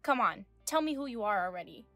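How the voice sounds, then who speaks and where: A woman's voice: mid-range voice, big pitch swings, brisk, a bit bright, no room sound, faint music behind. A woman in her thirties reading scripted dialogue as a wronged wife, firm and indignant. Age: 30s.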